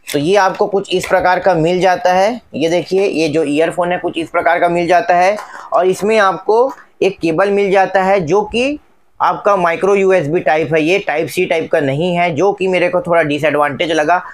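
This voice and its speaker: A man's voice: sits high, steady tone, normal speed. A man narrating a casual product unboxing for viewers, chatty and repetitive, often pointing things out. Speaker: tech reviewer.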